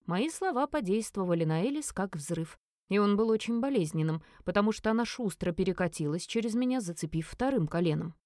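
Brief: female audiobook narrator, steady read, mid pitch, dry close mic. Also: a little fast, no room sound. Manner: steady storytelling reading. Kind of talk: scripted narration.

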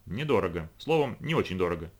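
A man's voice: deep voice, sing-song, quick pace. A man voicing a boastful, easily flustered middle-aged director in a read-aloud story. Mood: flustered mumbling. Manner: bragging, then mumbling.

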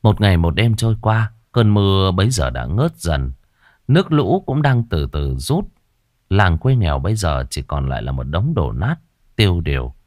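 A man narrating an audio story with expressive, emotive delivery. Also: low-pitched, normal speed, no room sound, studio quality.

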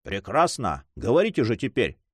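A polite, earnest young suitor of noble bearing, voiced by a male reader. His lines move with lively intonation. The recording is dry and close. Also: mid-range voice, normal speed, no echo. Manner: courteous, earnest.

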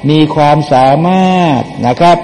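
A man's voice: measured pace, darkish tone. A male Quran teacher giving a sermon-style commentary, asking his listeners questions, answering them himself, and chanting verses in between. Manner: chants Arabic verses between plain explanations. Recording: long hall reverb, faint background noise.

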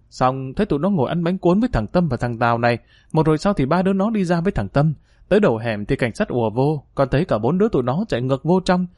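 A man's voice: fairly high pitch, a little mellow, no room sound, studio quality. A man reading an audiobook, voicing a chatty young male lookout at a gambling den who tells his story in a rambling way.

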